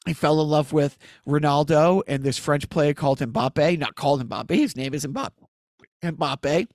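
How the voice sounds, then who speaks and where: A man's voice: fairly high pitch, measured pace, darkish tone, no echo, studio quality. A man co-hosting a casual podcast, rambling with lots of restarts and asides. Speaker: podcast co-host. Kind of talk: casual chat.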